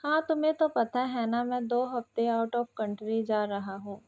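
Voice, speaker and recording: A woman's voice: fairly high pitch, narrow, tinny audio, natural voice. A woman reading as a teasing young husband. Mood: warm.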